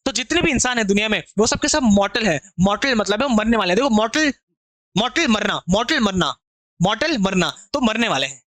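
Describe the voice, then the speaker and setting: Male online tutor, young adult, very high pitch, dry recording, chatty repetitive lesson talk. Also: lively intonation, quick pace, few pauses, fairly bright tone, no echo. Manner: chatty, repetitive, asks students if they understood. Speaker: English teacher.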